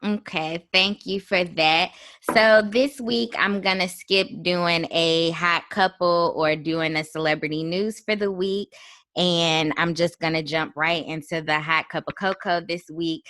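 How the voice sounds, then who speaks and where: A woman in her thirties hosting a casual podcast chat, relaxed and chatty with frequent ums. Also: on the low side, measured pace, slight background noise. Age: 30s. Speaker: podcast host.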